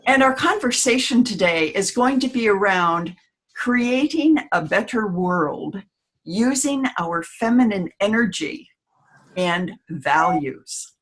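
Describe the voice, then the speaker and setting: A woman hosting an online panel discussion, introducing guests in a measured way. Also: medium pitch, animated, fairly bright tone. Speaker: panel host.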